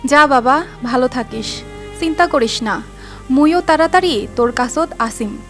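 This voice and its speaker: A woman's voice: high voice, lively intonation, a little slow, a bit bright, soft background music. A grieving woman with a Rangpur Bengali accent, crying out and wailing as she speaks in a spontaneous lament. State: crying in grief. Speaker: bereaved mother bidding farewell.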